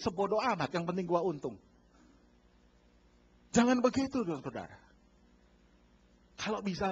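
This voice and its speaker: A man pastor preaching a sermon, animated and acting out bargaining scenes while addressing the congregation. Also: high-pitched, breathy edge. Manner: lively, acts out bargaining dialogues, addresses congregation as saudara. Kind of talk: sermon with acted-out market scenes. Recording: dull lo-fi church recording.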